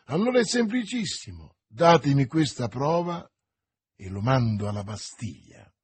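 A man voicing a powerful, calculating cardinal in an audiobook, measured and authoritative. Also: medium pitch, very animated, husky, dry recording, pitched above the performer's own voice. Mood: commanding. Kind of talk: audiobook character reading.

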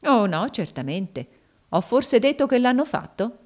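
A woman's voice: mid-range voice, lively intonation, normal speed, pitched above the performer's own voice, close to an everyday voice. A woman voicing a cold, mocking woman who taunts her master in a dramatic audiobook reading. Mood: mocking, taunting. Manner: scornful, sneering.

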